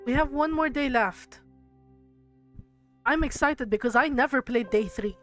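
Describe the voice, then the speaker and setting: Brief: woman streamer, a bit high-pitched, hushed story reading, faint music underneath. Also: a little slow. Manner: hushed narration mixed with chatty asides to viewers. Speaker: livestreamer. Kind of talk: reading a game's story aloud on a live stream.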